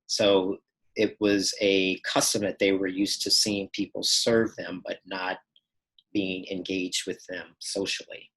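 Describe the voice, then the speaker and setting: A man from Texas tells his own story in a steady, thoughtful voice that sits a little low. He pauses and restarts as he goes, choosing his words with care. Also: breathy edge, low-quality recording. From Texas, United States. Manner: measured and reflective, with pauses and small restarts. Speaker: storyteller recounting personal experiences. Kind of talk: first-person account.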